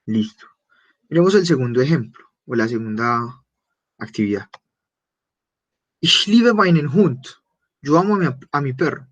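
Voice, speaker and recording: A man teaching a beginner German class, patiently repeating German phrases slowly and clearly. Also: mid-range voice, lively intonation, highs cut off.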